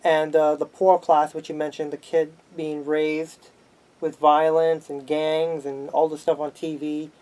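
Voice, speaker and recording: A man, a sociology student, speaking in a measured, explanatory way with fillers in a casual discussion. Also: a little high, level tone, dark tone, poor audio.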